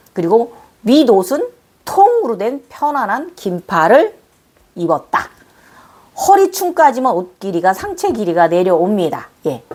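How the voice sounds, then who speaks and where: A woman host telling viewers about a dream in a casual, animated way, cooing and exclaiming fondly as she explains. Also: fairly high pitch. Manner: explains with gestures and repeats phrases. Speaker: spiritual channel host.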